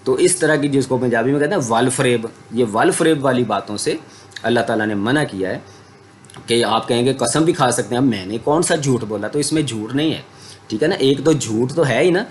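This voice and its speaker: A man's voice: medium pitch, slight background noise. A man teaching a religious studies lesson in a conversational, explanatory way, using everyday examples. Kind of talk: Islamic studies lecture.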